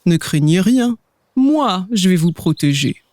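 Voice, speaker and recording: A woman's voice: lowish voice, expressive, a little slow, a little mellow, a little hiss or hum. A woman voicing a big, hungry, growling male wolf in a children's storybook. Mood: reassuring. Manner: gruff, growling.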